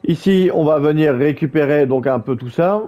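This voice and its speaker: A man's voice: on the high side, normal speed, mellow. A man talking through a game build in a casual voice-over, stumbling over words with many fillers and restarts. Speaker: gaming YouTuber. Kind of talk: casual gameplay guide voice-over.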